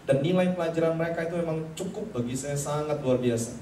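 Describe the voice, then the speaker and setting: A middle-aged man preaching from a pulpit, his voice sitting high for a man. He tells a personal story with animation, acting out the voices of the people in it and turning often to the congregation. He is picked up from a distance in a roomy, echoing hall with faint noise underneath. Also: quick pace, warm tone. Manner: addresses the congregation directly. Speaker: pastor. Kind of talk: sermon.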